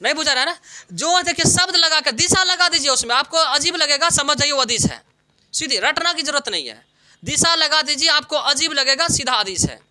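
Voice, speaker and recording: A man's voice: extremely high pitch, expressive, a little fast, sharp tone. A male teacher giving an exam-prep science lesson, asking the class questions and answering them himself. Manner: questioning, answers own questions, homely examples.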